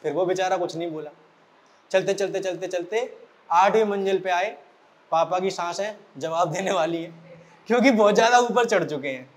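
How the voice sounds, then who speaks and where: A high-pitched male teacher telling a story in a lively way, speaking straight to his students. He is from central India and uses the tale to set homework. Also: moderate pace. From Morena, central India. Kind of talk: storytelling lesson. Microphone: recording for an online class video.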